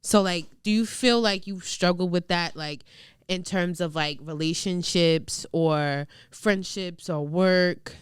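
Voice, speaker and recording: A woman's voice: on the low side, takes it slowly, smooth, no room sound, clean studio sound. Frank New York woman hosting. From Queens, New York. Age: young adult. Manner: frank, chatty, many fillers. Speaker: podcast host. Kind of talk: casual chat.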